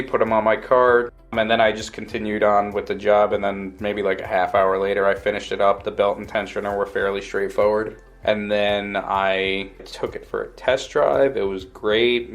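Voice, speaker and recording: A man's voice: on the low side, flat delivery, normal speed, hardly any pauses, soft background music. A man working as an automotive technician, recounting his work in a plain, matter-of-fact way in a casual interview.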